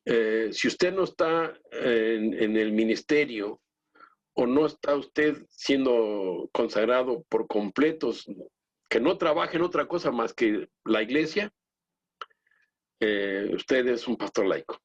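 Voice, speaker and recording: A man who is a lay pastor, teaching his congregation in an earnest, halting way with many restarts and direct appeals to the brethren. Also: medium pitch, animated. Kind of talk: church teaching talk. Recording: dull lo-fi recording.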